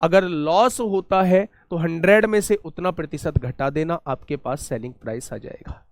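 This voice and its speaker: A man's voice: on the high side, moderate pace, slight background noise. A man teaching an online exam-prep maths lesson, explaining step by step and asking his students rhetorical questions.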